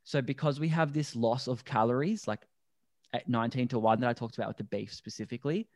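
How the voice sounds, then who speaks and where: A man, a guest on a podcast, explaining things earnestly and deliberately in a conversational interview. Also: mid-range voice, a little mellow, no room sound, studio quality. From Australia. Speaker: podcast guest, endurance athlete.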